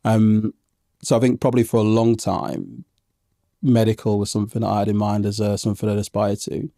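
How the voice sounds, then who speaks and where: A man's voice: lowish voice, brisk, creaky, warm tone, no room sound, clean studio sound. A man in his thirties who grew up in England, talking reflectively in an interview with many ums and restarts. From Zambian parents, raised in England from age one. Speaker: podcast guest. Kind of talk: conversational interview.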